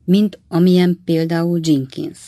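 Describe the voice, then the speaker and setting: A woman voicing a sly, teasing traveling salesman in an audiobook, in a measured, knowing manner. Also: fairly low pitch, fairly even intonation, mellow, no echo, lightly acted. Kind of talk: audiobook character voice.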